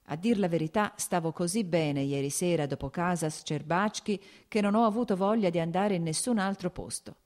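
A woman reading the lines of a young aristocratic officer in an audiobook, relaxed and lightly amused. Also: on the low side, normal speed, hardly any pauses, lightly acted.

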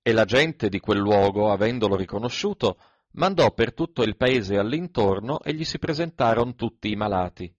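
A man with a fairly low voice reads scripture aloud in a measured, even recitation. The sound is dry and close, with no room around it. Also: dry recording, dull audio. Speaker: scripture reader.

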